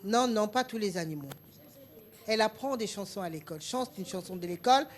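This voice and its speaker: A woman hosting a children's program, coaxing and urging the kids to sing louder. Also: medium pitch, lively intonation, a little fast, slight background noise. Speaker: children's TV show host. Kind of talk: leading children's show segment.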